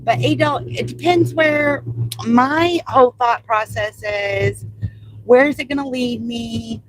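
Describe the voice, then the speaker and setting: An older American woman from the Southern Indiana and Louisville area chats casually on a live stream while driving deliveries in her car, rambling and answering viewers' comments. Her fairly high voice moves at a measured pace, sounds a bit congested from allergies, and comes through in poor audio.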